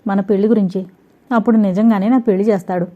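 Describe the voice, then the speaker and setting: Woman reading an anxious young woman from an audio novel; pleading and fretful, mellow, dull lo-fi audio. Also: mid-range voice, steady tone, fast talker, natural voice. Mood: worried. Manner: pleading, worried. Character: anxious young woman in love, fearful of father.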